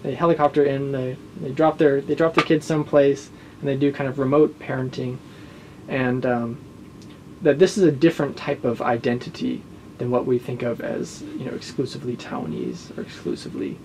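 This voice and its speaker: A man's voice: mid-range voice, fairly even intonation, a little fast, noisy background. A man in his thirties, a professor, explaining ideas in an interview in an office, restarting phrases as he goes. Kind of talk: interview answer. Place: office, indoors.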